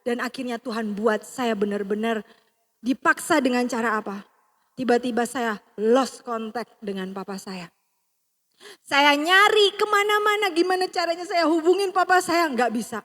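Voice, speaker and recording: A woman with a high voice preaches to a congregation, turning to them again and again. She swings from loud, stressed lines to soft, hushed passages. Her voice rings out in a church hall with a long echo. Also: lively intonation, moderate pace. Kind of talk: sermon with personal testimony.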